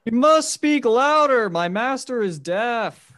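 A man voicing a quick, cheeky young page boy who reports back to his master. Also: very high-pitched, lively intonation, fairly bright tone, pitched above the performer's own voice, heavily acted. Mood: pert. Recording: tinny phone-like sound in an echoey room.

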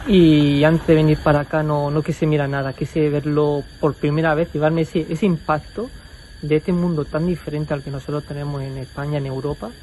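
A man's voice: fairly high pitch, little pitch movement, moderate pace, darkish tone, slight background noise, poor audio. A man with a Murcian Spanish accent, answering in a hesitant way with repeated words. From Spain. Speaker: interview guest.

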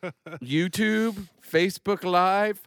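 A man's voice: high voice, fairly even intonation, takes it slowly, a bit bright. A man co-hosting a comedy talk show, bantering and reading mail in a campy, arch, teasing drag-queen manner. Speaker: podcast co-host.

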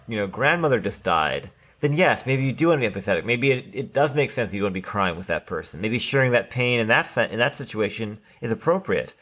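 Casual and conversational, a male podcast co-host keeps dropping "like" and "right?" into his speech. His voice is mid-range and a bit bright.

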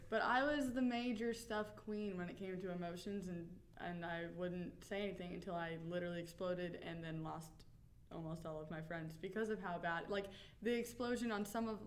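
A woman in a group discussion sharing her own experiences in a candid, self-deprecating way. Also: on the low side. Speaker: discussion participant. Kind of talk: casual chat.

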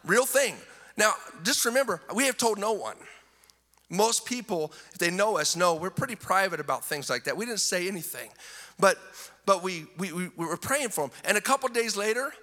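A male pastor preaching an animated, enthusiastic sermon, often repeating words as he gets excited. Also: high voice, moderate pace, in a large hall.

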